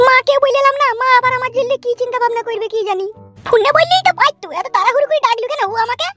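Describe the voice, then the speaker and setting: A pushy young cartoon wife, voiced by a woman who pesters with question after question. She speaks. Her voice is very high and bright, and she talks very fast. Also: soft background music. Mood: impatient.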